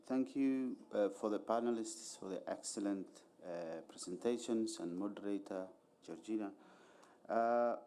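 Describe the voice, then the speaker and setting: A man from Somalia speaking from the conference floor, polite and deliberate, with frequent hesitant pauses. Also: on the low side, dark tone, slight background noise. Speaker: audience member asking questions.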